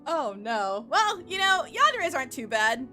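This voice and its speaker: A woman streaming a game, chatting excitedly with her audience, swearing, laughing and stumbling over repeated words, with faint game music behind. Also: sits high, unhurried. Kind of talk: casual live-stream chat.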